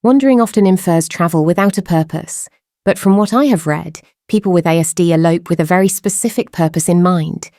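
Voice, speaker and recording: Host, woman, voice-changer processed, mellow tone, dry close sound, measured scripted delivery. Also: on the low side, no echo. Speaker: true crime channel host. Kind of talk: scripted commentary.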